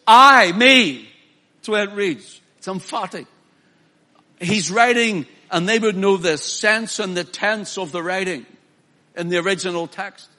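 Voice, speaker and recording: Bright-voiced preacher man, emphatic. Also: high-pitched, normal speed. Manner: emphatic, swings from loud declaiming to quiet pleading. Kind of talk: sermon.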